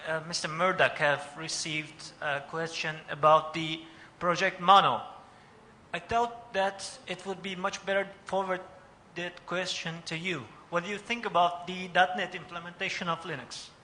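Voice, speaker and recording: High-voiced man asking a question in a reverberant hall. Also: fairly even intonation, a little slow, bright, forceful tone, slight background noise. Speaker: audience member asking a question. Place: lecture hall. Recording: long reverb in a large hall, faint ambience.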